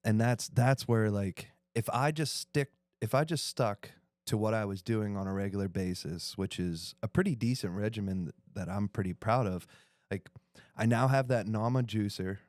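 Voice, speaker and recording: Low-voiced slangy man, hyped. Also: normal speed, darkish tone, dry recording. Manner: enthusiastic, slangy, calls people dude. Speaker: podcast co-host. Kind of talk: casual group chat.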